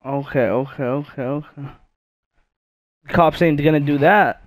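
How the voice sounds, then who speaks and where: A man with a slightly high voice gives loose gameplay commentary. He reacts to the game as it happens and often drifts into quiet, mumbled asides. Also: a little slow, no echo. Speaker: gamer.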